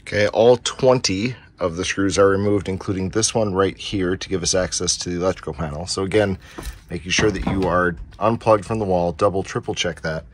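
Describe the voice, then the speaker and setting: This man speaks low and fairly quickly as he narrates an informal how-to repair video, walking viewers through each step from his basement. The handheld camera mic catches plenty of noise from the furnace room where he's working at home.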